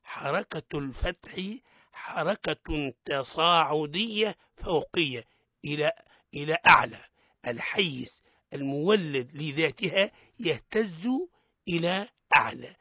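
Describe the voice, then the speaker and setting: A man's voice: on the high side, animated, unhurried, sharp tone, no room sound, muffled recording. A man with a Tunisian Arabic accent teaching Quran recitation on a radio lesson, correcting pronunciation by repeating syllables with emphasis.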